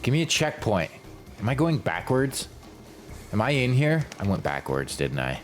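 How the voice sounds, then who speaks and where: A man's voice: mid-range voice, sing-song, moderate pace. A man streaming a shooter game, talking through it in exasperated, grumbling asides. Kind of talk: gameplay commentary. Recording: loud game music and gunfire behind.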